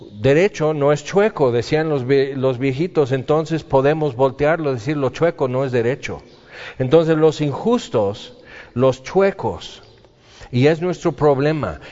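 A man's voice: medium pitch, darkish tone. A man preaching a humorous, conversational sermon in a church hall. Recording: dull, reverberant hall sound.

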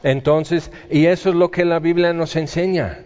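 A man's voice: a little high, fairly even intonation, moderate pace, a little mellow. A man preaching a humorous, conversational sermon in a church hall. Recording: dull, reverberant hall sound.

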